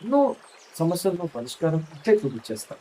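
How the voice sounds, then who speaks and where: A man's voice: on the high side, big pitch swings, quick pace, warm tone, slight background noise. A middle-aged man delivering a scripted, heartfelt monologue as a husband speaking tenderly and intimately to his wife. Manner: tender, intimate, coaxing tone addressed to a spouse.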